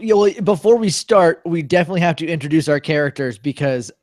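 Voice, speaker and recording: A man playing in a tabletop game, joking and chatting quickly. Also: a little high, darkish tone, no echo, studio quality. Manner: jokey, fast, quick to laugh. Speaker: player. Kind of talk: casual chat at a tabletop game.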